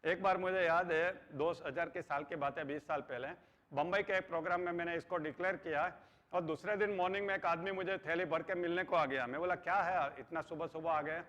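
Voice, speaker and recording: The recording, dull and washed in long hall reverb, captures a middle-aged motivational trainer lecturing earnestly and mixing in English phrases. He talks fairly quickly in a slightly high voice with a fairly bright tone.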